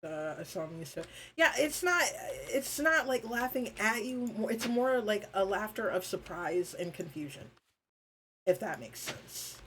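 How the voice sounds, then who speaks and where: A woman's voice: medium pitch, lively intonation, measured pace, fairly bright tone, a little hiss or hum, poor audio. A woman streamer chatting casually and rambling with her viewers, informal, with lots of fillers and the odd swear.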